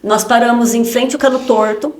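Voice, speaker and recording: A woman's voice: a little high, fairly even intonation, normal speed. A woman, a podcast guest giving an emotional personal testimony in short spoken phrases, often ending with a tag question. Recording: roomy echo.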